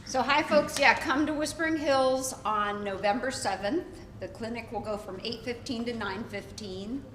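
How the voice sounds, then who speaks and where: A woman's voice: a little high, normal speed. A woman who is a swim coach, announcing a clinic in a friendly, practical way. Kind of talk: casual announcement. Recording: echoey room, faint noise.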